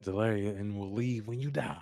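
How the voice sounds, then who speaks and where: A man's voice: on the low side, normal speed, creaky, mellow, faint music behind. A man playing a tabletop game, trash-talking in character with swagger. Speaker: player.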